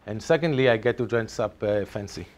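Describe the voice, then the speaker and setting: At a teachers' workshop, in a lecture room with a projector screen and crowd noise around him, a middle-aged man with an Israeli accent gives a conference presentation. A native Hebrew speaker, he talks fairly quickly in a lowish voice, chatty but hesitant, with many ums and restarts.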